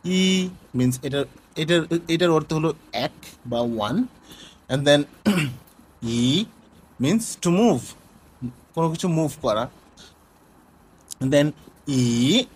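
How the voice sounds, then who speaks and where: Male tutor, casual and halting, self-correcting, mid-high voice, faint background hiss. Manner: mixes Bengali and English, halting with restarts and self-corrections. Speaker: language teacher. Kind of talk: casual online lesson.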